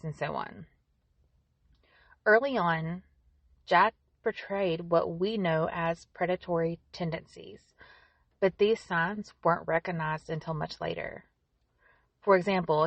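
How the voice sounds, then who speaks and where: A woman's voice: on the low side, dry recording, dull audio. A woman hosting a true-crime podcast, narrating a scripted story with conversational asides to the listener.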